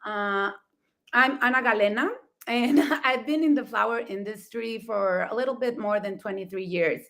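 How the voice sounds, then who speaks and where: This florist and talk show co-host is a middle-aged woman from Mexico whose first language is Spanish, and she speaks with a Mexican accent. Her fairly high, fairly bright voice moves at a moderate pace as she shares her story with enthusiasm, frequent laughter, and plenty of "I mean" rewordings.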